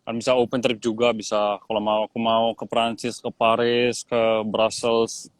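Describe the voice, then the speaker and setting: A man's voice: mid-range voice, flat delivery, measured pace, no echo. A man in his twenties from Switzerland, a tour guide, chatting as a guest in a laid-back, easygoing way over a video call. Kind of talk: casual interview chat.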